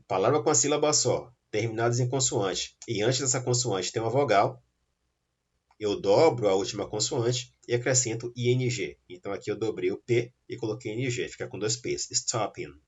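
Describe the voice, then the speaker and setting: Male Brazilian teacher, patient step-by-step explainer, lowish voice, muffled recording. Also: slightly rough. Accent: Brazilian Portuguese. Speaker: English teacher. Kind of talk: recorded grammar lesson.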